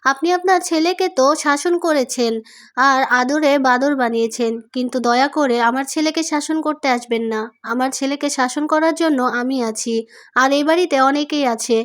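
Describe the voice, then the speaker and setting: Woman reading as a stern, sharp-tongued mother. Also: high-pitched, normal speed. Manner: lecturing, insistent.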